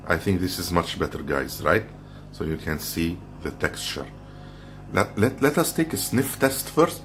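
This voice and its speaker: A man giving a casual food review, talking while he handles and crunches chips, in an off-the-cuff vlog style. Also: low-pitched. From outside the Philippines. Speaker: snack reviewer. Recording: clearly noisy background.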